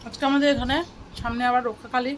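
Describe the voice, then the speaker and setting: A woman vlogger chats away to her viewers while she goes about her errands and chores. Her voice sits a little on the high side, and she keeps up a loose, running commentary. It is captured on a handheld phone, with clear background noise all around her. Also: level tone, quick pace. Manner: chatty, talks while doing chores. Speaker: vlogger and mother. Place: market outdoors, then at home. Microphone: phone held in hand. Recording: noisy phone recording.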